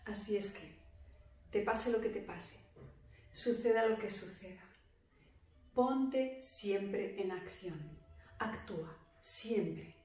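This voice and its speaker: Meditation teacher, woman, calm and deliberate, voice distant in a very echoey room. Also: mid-range voice. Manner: calm, measured, speaks with slow emphatic pauses. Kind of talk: guided meditation talk. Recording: very echoey room, voice far from mic.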